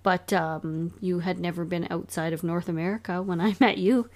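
A young woman co-hosting a podcast with her husband, chatting casually, full of "like" and quick laughs. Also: lowish voice, fairly even intonation, a little mellow. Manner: chatty, giggly, lots of "like". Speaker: podcast co-host. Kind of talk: casual chat.

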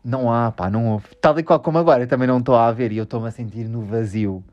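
A man's voice: mid-range voice, quick pace, darkish tone, lo-fi sound. A man with a European Portuguese accent hosting a casual podcast, rambling, joking at his own expense and swearing a lot. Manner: rambling, self-mocking, swears often. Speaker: podcast host.

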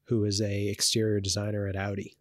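A man's voice: on the low side, completely flat delivery, fairly quick, no echo, studio quality. A man co-hosting a podcast in casual chat, rambling with many fillers and restarts. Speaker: podcast co-host.

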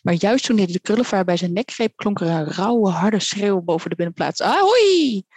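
A woman reading a children's story aloud as a storyteller, with lively voices for the characters. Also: lowish voice, a little fast, no room sound.

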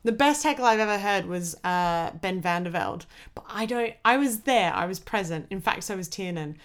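An Australian woman, a comedian, chatting casually as a podcast guest, talkative and animated in her storytelling. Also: mid-range voice, moderate pace. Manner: chatty, with lively acted-out quotes.

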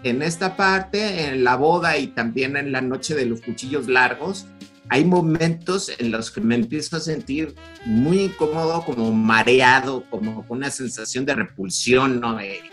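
A man's voice: mid-range voice, unhurried, a bit bright, faint music behind. A man with a Mexican Spanish accent co-hosting a podcast, chatting casually about a film in a rambling way, full of fillers and restarts. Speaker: podcast co-host.

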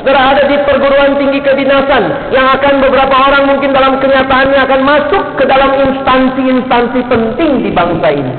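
High-voiced man preaching in an echoey hall. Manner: rises to emphatic peaks and drops low, acts out street characters. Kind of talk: sermon. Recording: echoey hall, phone-like band.

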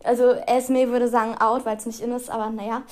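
A teenage girl talks casually into her podcast mic while pacing around, full of fillers and little restarts. Her voice sits a little high yet sounds soft and dark. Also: level tone, brisk. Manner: chatty, rambling, with many fillers and laughs; walks around while recording. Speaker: podcast host. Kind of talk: casual chat.

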